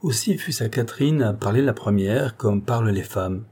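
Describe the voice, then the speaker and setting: Mellow, husky-voiced male narrator. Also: on the low side, normal speed. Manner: steady, expressive literary reading. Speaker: audiobook narrator. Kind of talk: reading a classic novel aloud.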